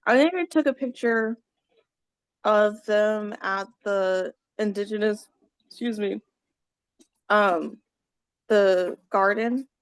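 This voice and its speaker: A woman's voice: mid-range voice, slow pace, pauses often, smooth, no echo. A woman co-hosting a casual online gathering, rambling and searching for words over a video call. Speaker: gathering co-host.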